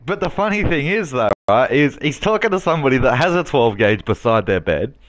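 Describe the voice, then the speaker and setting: A man's voice: medium pitch, big pitch swings, fairly quick. A man live-streaming a game, brash and trash-talking, swearing and mocking a heckler.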